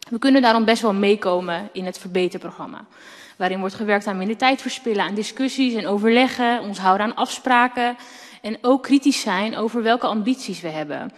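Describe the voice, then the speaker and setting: A woman council member delivers an earnest debate speech at an ordinary pitch, stopping now and then to hesitate. Her voice rings with a long reverb from the council chamber.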